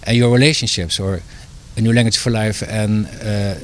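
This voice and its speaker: A man's voice: fairly low pitch, steady tone, normal speed, slight background noise. A middle-aged man from the Netherlands, speaking as an interview guest in a hesitant way, with many fillers and restarts. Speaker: guest, author and doctor.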